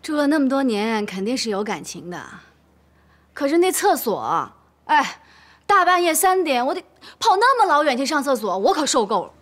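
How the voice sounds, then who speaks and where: Casting: a bright, bustling young wife, high voice, lively pitch, drama. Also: female voice. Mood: brisk. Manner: brisk, bright, quick. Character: energetic young wife and businesswoman.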